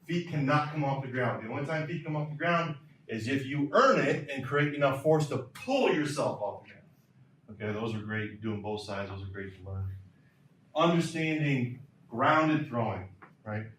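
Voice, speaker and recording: A man's voice: medium pitch, animated, moderate pace, a bit bright, far from the mic, slight background noise. Emphatic male coach lecturing in a roomy hall. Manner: emphatic, repeats key points. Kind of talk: clinic lecture with a Q&A.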